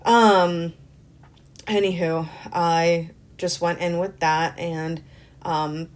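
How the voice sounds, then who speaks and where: Young woman, beauty vlogger, lowish voice, chatty, lots of ums, self-mocking. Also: fairly even intonation, very slow. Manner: chatty, rambling, many ums; self-deprecating humor. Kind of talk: casual makeup tutorial voice-over.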